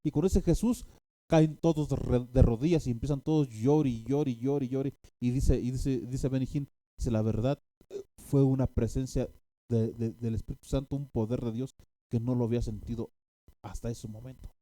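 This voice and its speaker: A man's voice: mid-range voice, fairly even intonation, normal speed, warm tone, no echo. A man preaching a sermon, telling a story with many restarts and fillers and bursts of animation.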